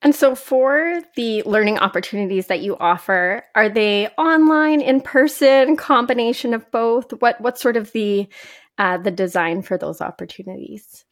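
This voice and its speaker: A woman's voice: a little high, normal speed. A woman from Canada hosting a podcast interview, friendly and asking open questions. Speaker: podcast host.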